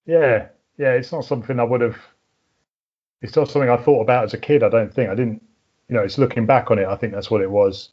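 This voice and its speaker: A man's voice: medium pitch, fairly even intonation, fast talker, a little mellow, husky, muffled recording. A middle-aged man with a southern English home counties accent, chatting casually as an interview guest in a hesitant, thinking-aloud way. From southern England. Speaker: podcast guest, mountain biker.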